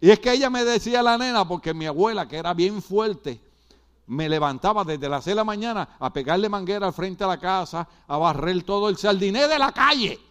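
A man's voice: high voice, animated, fairly quick, fairly bright tone, clear, resonant tone. A middle-aged man from Puerto Rico with a Puerto Rican accent, preaching a sermon with emphatic repetition and asides to the congregation. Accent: Puerto Rican Spanish. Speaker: pastor.

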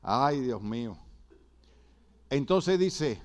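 A man's voice: medium pitch, expressive, extremely slow. A middle-aged man from Puerto Rico with a Puerto Rican accent, preaching a sermon with emphatic repetition and asides to the congregation. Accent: Puerto Rican Spanish. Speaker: pastor.

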